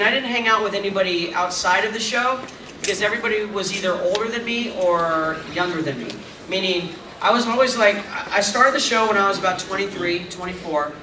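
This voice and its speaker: At a convention panel in a big hall, a middle-aged man chats and rambles through fans' questions, poking fun at himself along the way. His voice sits high and sounds bright and forceful. The recording was made from a distance and comes across echoey and noisy.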